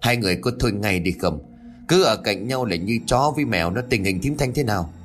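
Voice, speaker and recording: A man's voice: fairly low pitch, expressive, fairly quick, faint music behind, close to an everyday voice. A man voicing an exasperated, sighing older village man in a narrated ghost story. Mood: weary.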